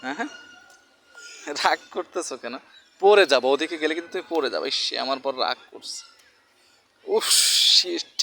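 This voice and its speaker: A man's voice: fairly high pitch, lively intonation, fairly quick, pauses often, fairly bright tone. A man vlogging casually while coaxing and scolding a small child. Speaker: vlogger and parent. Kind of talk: casual handheld vlog talk.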